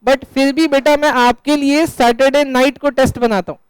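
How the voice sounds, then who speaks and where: High-voiced teasing male teacher. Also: fairly even intonation, normal speed, no room sound, low-quality recording. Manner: asks questions and answers them himself; teasing, chatty banter with students. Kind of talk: live classroom lecture. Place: classroom.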